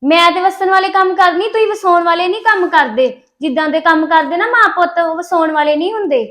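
A woman's voice: very high voice, fairly quick. Woman as a defiant Punjabi young wife. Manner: sharp, defiant. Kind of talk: family drama acting.

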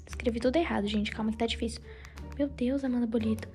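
A woman's voice: a little high, steady tone, fast, over music. A young woman with a Brazilian accent pranking a friend in a casual vlog, nervous and often dropping into a whisper. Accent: Brazilian Portuguese. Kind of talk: casual prank vlog, reading and typing messages aloud.

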